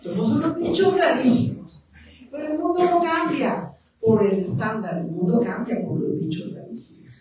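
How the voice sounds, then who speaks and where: A woman speaking as a panelist, expressive with a few hesitations. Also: mid-range voice, slight background noise. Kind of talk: panel discussion remarks. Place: historic house, event room. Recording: echoey room from far off.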